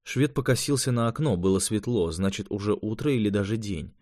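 A man narrates fiction in a low voice with lively, expressive intonation. His reading is measured and even-paced. The sound is close and dry, without any room echo. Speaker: audiobook narrator. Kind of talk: scripted narration.

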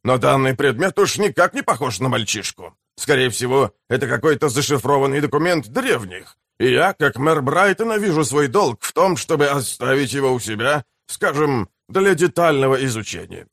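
A man's voice: mid-range voice, animated, moderate pace, hardly any pauses, fairly bright tone, no echo, clean studio sound. A man voicing a pompous, scheming male mayor in an audiobook, speaking in a grand, lecturing way. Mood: smug.

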